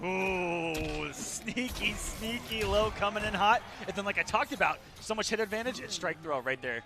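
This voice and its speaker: High-voiced stammering esports co-caster. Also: male voice, normal speed, background noise. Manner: stammers and restarts when excited. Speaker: color commentator. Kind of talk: esports color commentary. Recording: commentary over loud game music.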